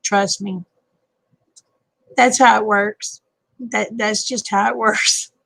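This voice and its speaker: A woman's voice: mid-range voice, steady tone, takes it slowly, gravelly, fairly bright tone, dry recording, poor audio. A woman in her fifties, hosting a live chat stream and talking casually with viewers in a folksy, talkative way, often chuckling. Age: 50s.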